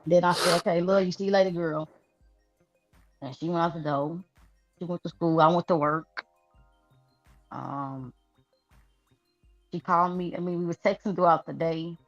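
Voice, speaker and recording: A woman with a low, gravelly voice recounts a painful day in a halting, soft-spoken way. The sound is dull and lo-fi and very dry. Faint music sits underneath. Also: steady tone, no room sound. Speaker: guest, bereaved mother. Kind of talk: emotional personal account. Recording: dull lo-fi stream audio.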